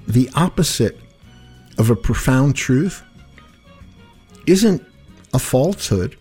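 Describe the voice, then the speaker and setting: A male radio host talks to his listeners at a very unhurried pace. His mid-pitched voice moves in measured, short phrases as he offers reflective advice. Faint music sits behind him. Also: a little mellow. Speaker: radio call-in show host. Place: radio studio.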